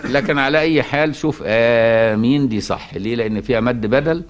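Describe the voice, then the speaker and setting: A man with an Egyptian accent giving a colloquial Quran lesson, often asking his listeners if they follow and chanting verses slowly. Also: medium pitch, slight background noise. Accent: Egyptian Arabic. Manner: conversational, asks rhetorical checks, chants verses slowly. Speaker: Quran teacher.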